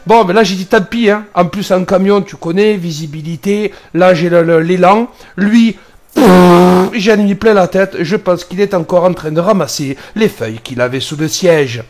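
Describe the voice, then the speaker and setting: A man's voice: sits high, normal speed. A man driving a truck in France, commenting on the road in a joking, exasperated way. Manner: joking, animated, exasperated at other drivers. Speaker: truck driver. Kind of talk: casual dashcam commentary.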